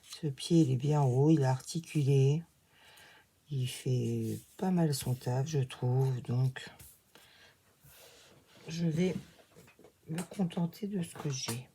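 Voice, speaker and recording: A woman's voice: very deep voice, takes it slowly, pauses often, mellow, slight background noise. A woman with a slight lisp, slushy on her s sounds, chatting casually and rambling to herself as she does crafts. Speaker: craft vlogger filming herself. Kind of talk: casual chat while crafting.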